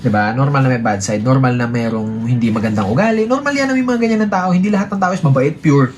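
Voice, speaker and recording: A man's voice: medium pitch, quick pace, a little hiss or hum. A man sitting beside his partner, giving earnest relationship advice in a casual heart-to-heart chat, mixing English phrases into his talk and repeating himself. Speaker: vlogger talking with his partner.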